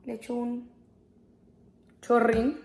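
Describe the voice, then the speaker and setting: A woman's voice: fairly high pitch, completely flat delivery, takes it slowly, gravelly, noisy background. Chatty woman vlogging her day. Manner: chatty and rambling, drops English words into her Spanish. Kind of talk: casual day-in-the-life vlog. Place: at home and in her car.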